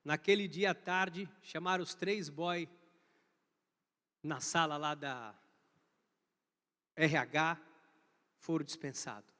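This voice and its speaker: A man's voice: on the high side, steady tone, takes it slowly, long pauses, bright, forceful tone. A middle-aged Brazilian man with a Brazilian Portuguese accent, preaching a storytelling sermon in a church service and imitating sounds with his voice. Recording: reverberant church hall.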